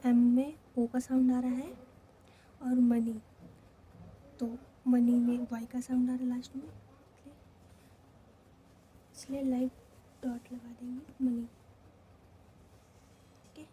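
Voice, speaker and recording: A woman with a Hindi accent teaches shorthand in a step-by-step lesson, speaking slowly, repeating each step, and checking in often with "theek hai." Her mellow voice sits high with little pitch movement. A little hiss or hum is audible.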